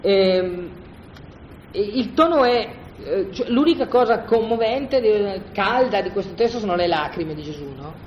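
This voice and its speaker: A Bible study teacher gives an informal, colloquial lecture on scripture to a group of listeners in a room. His mid-pitched voice moves at a measured pace, animated, restarting sentences and often asking "no?" to check in. The roomy, dull lo-fi recording carries faint ambience and a little hiss or hum.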